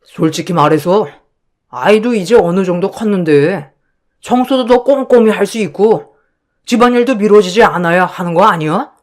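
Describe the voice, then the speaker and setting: A woman's voice: mid-range voice, animated, normal speed, lightly acted. A woman voicing a dismissive, weary husband who sides with his parents in a dramatized story. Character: dismissive tired husband, young adult.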